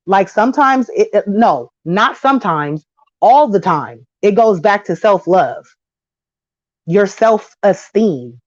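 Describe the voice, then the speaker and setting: A woman in her thirties giving a blunt, slangy opinion monologue to camera, animated and quick to slip into mocking voices. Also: mid-range voice, no room sound, lo-fi sound. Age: 30s. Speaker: vlogger.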